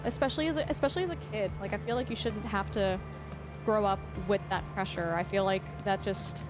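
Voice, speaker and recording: With music playing behind her, this medium-pitched woman talks briskly to her viewers while gaming on a livestream. She's a native English speaker from Canada whose chat wanders, often starting sentences over and breaking into easy laughter.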